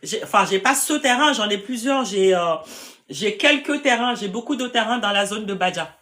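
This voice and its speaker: A woman with a Parisian French accent, from France, sells land on a live stream and answers comments in a direct, firm manner. She sounds animated, with a medium pitch, a fairly bright tone, and a moderate pace.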